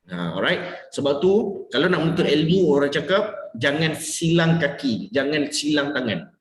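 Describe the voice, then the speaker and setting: Animated coach in a roomy space. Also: male voice, fairly high pitch, normal speed. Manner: animated, demonstrative, switches between Malay and English. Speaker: business sales coach. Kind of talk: live coaching Q&A session.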